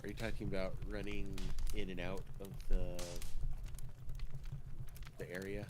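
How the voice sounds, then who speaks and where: A man chatting with his friends during an online game, telling stories slowly and wryly. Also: low voice, little pitch movement, noisy background. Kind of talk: casual gaming chat.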